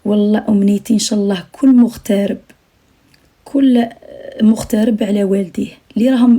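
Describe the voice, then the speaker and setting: A woman's voice: medium pitch, mellow. A young Algerian woman talking earnestly to her viewers on a late-night live stream, repeating her phrases and sometimes dropping almost to a whisper.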